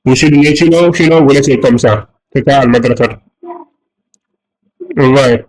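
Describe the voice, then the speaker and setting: A man's voice: medium pitch, normal speed, darkish tone, rough recording. A man from Senegal teaching an online lesson, patiently repeating and rephrasing each point as he explains the exercises. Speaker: Arabic teacher.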